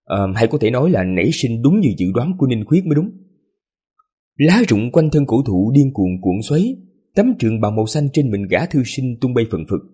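Hoarse, mellow male story narrator. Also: mid-range voice, fairly quick. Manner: relaxed, chatty asides with fillers. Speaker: story narrator and channel host. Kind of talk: serialized audiobook narration.

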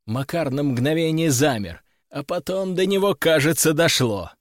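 A man reading a first-person novel aloud as an audiobook narrator, in an even, matter-of-fact storytelling manner. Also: fairly high pitch, moderate pace, dry recording, studio quality.

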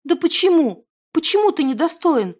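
A woman's voice: extremely high pitch, sing-song, moderate pace, a little mellow, voice pushed up. A woman voicing a timid, earnest young woman in love who talks shyly and pleads. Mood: pleading.

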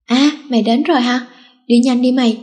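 Bubbly teen best friend, brisk and bossy, voiced by a woman, higher voice, storybook. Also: fairly even intonation, a little mellow, lightly acted. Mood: excited. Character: bubbly rich teenage best friend girl.

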